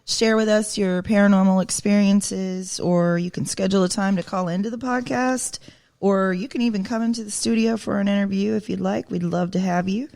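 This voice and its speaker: A woman's voice: mid-range voice, fairly even intonation, brisk, vocal fry, darkish tone, no echo, studio quality. A woman co-hosting a podcast, chatting in a friendly way with many fillers. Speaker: podcast co-host. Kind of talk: casual podcast chat.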